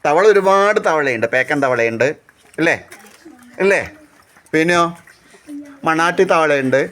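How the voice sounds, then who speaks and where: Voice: medium pitch, unhurried, a bit bright. A teacher on a school outing, quizzing a group of children and repeating questions to prompt answers. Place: outdoors at a house with children around. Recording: chatter of children behind.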